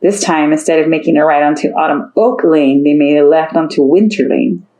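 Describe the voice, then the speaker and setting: A woman's voice: low-pitched, brisk, warm tone, rough recording. A woman narrating a story aloud, reading steadily and lifting her voice for the characters' lines.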